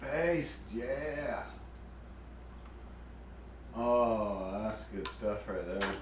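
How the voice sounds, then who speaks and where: A man chatting casually with goofy, drawn-out jokes. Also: mid-range voice, lively intonation. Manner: slow, goofy, drawn-out jokey talk. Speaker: co-host. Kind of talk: casual chat on a livestream. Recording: echoey room, mic far off, background noise.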